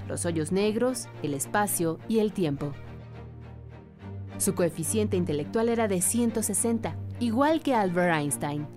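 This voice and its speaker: A woman reading scripted documentary narration as the narrator. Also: medium pitch. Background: music.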